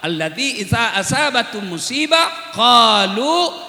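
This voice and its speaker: A man preaching a lively sermon, switching between loud exclamations and slow, hushed recitation. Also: very high-pitched. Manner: animated, swings from shouting to slow hushed recitation and singing. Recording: echoey hall, long reverb.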